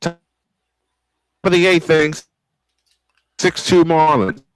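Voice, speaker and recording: Slow and clear, with a resonant tone and a slightly high pitch, an American sportscaster does live old-school baseball play-by-play. He mixes his calls with casual asides while broadcasting from a small home-style studio.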